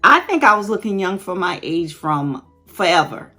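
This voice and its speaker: A woman's voice: on the low side, very animated, normal speed, pushed and bright, faint music behind. A woman in her late fifties chatting candidly and laughing often as she answers viewer questions in a casual vlog. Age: late 50s. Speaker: YouTube host.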